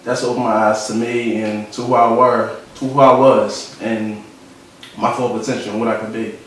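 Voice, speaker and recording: Here a young Philadelphia photographer, speaking in his hometown accent, reflects on his life during a casual studio interview and tends to repeat phrases. His lowish, fairly bright voice is flat and moves at a normal speed. Recorded from a distance in an echoey room, the clip carries slight background noise.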